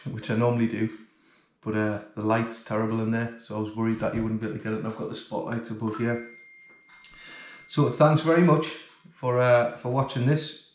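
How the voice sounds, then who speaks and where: A man in his forties talks straight to the camera in his home, chatty, plain-spoken and thankful. His voice sits at an ordinary pitch. The room around him rings noticeably, picked up by a camera mic a few feet away. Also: a little mellow. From England. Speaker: fishing channel host. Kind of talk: casual vlog talk to camera. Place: home kitchen, then living room, indoors. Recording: roomy home acoustics.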